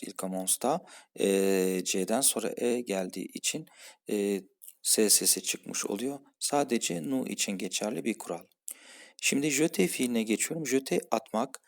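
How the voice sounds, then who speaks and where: A man's voice: lowish voice, normal speed, gravelly. A man teaching French grammar, patiently saying each verb form and then its translation. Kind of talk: explaining French grammar for a Turkish-speaking class.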